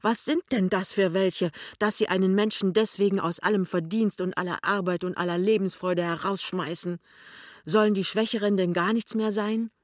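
A man's voice: high voice, steady tone, moderate pace, no room sound, pitched above the performer's own voice, lightly acted. A fierce, principled young wife speaks up, as a male reader puts her on, her voice lifted above his own. She talks firmly and with indignation. The recording is dry and close, with no room sound. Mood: indignant. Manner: indignant, firm. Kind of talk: audiobook dialogue reading.

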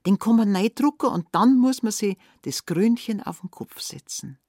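A woman voicing a sad, gentle old farmer with a Bavarian accent, in a told fairy tale. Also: mid-range voice, animated, no echo, studio quality, pitched above the performer's own voice, close to an everyday voice. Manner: sorrowful, slow.

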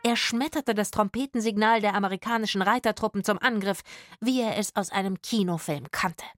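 A woman narrating a children's story in an expressive, lively manner. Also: mid-range voice, brisk, over music.

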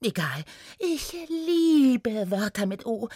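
A woman voicing a tiny, excited female gnome trainee who chatters eagerly in a high, bouncy voice. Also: slow, no room sound, studio quality, exaggerated voice.

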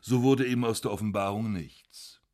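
A man's voice: on the low side, normal speed, darkish tone. Man reading literary prose. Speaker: narrator.

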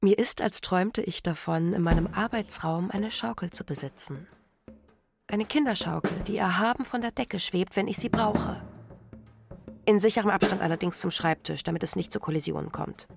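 A woman playing a dreamy, gravelly worn-out woman. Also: mid-range voice, moderate pace, over music, natural voice. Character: dreamy overworked woman longing for distance. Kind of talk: literary radio play acting.

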